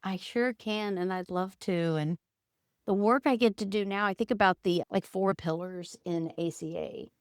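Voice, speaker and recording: A woman's voice: on the low side, darkish tone, clean tone, no room sound, studio quality. A woman guest, an actor and coach, talking reflectively and expressively in an interview. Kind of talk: conversational interview.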